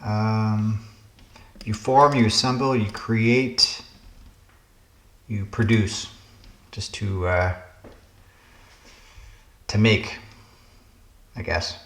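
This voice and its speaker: A man's voice: fairly low pitch, fairly even intonation, extremely slow, long pauses, roomy sound. A man hosting a puzzle game channel, casually thinking aloud through word puzzles, musing and hesitating as he guesses.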